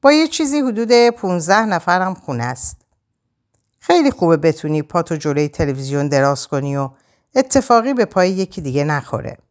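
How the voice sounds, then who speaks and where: A woman's voice: on the low side, big pitch swings. A woman narrator voicing a casual, easygoing female housemate with a breezy, offhand manner.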